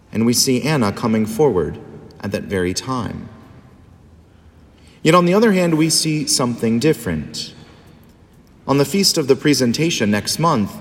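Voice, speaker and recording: A man, a priest, reading the Gospel and preaching a homily in a measured, solemn liturgical manner, his voice ringing with cathedral echo. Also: mid-range voice. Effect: cathedral echo, long church reverb. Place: large church. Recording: long reverb in a large church.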